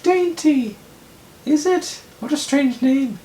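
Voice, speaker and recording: A man voicing an excitable young male traveller in a squeaky falsetto with a slight Irish twang. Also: a little slow, reverberant, exaggerated voice. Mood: shrill.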